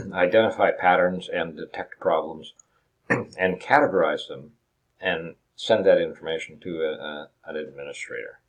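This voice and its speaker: A man teaching a recorded lecture over slides, explaining step by step with frequent restarts and rhetorical questions. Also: low voice. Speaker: instructor.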